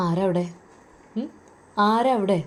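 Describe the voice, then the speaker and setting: A woman's voice: medium pitch, slow. A woman with a Malabar accent voicing a domineering older brother who interrogates and barks orders. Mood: suspicious. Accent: Malabar Malayalam. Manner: interrogating, commanding. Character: domineering older brother, harsh, bossy man.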